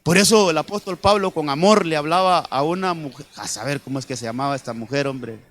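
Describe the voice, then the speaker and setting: A man's voice: on the high side, fairly quick, fairly bright tone. A man preaching a sermon as pastor, often repeating himself and calling the listeners brother. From Honduras. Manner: repetitive, addresses congregation as brother.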